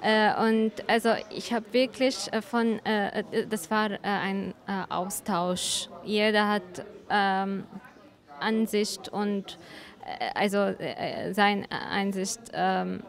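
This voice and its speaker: A young woman answering interview questions haltingly with many fillers into a handheld mic at an indoor event. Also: mid-range voice, fairly even intonation, creaky. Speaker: workshop leader interviewee. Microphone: handheld reporter mic.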